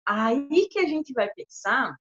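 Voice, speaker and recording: A woman in her thirties from southern Brazil, co-hosting a casual chat and telling a story in a chatty, animated way. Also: sits high, slow pace, breathy edge. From far west of Santa Catarina, Brazil. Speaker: co-host. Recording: dull lo-fi audio.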